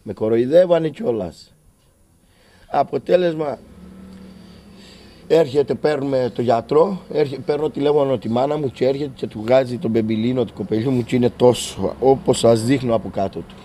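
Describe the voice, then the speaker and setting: A man's voice: mid-range voice, warm tone, a little hiss or hum. A man with a Cretan accent, a father recounting his story to a reporter in an agitated way and acting out the conversations he had. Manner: agitated, acts out dialogue with rising intensity. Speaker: father of a patient.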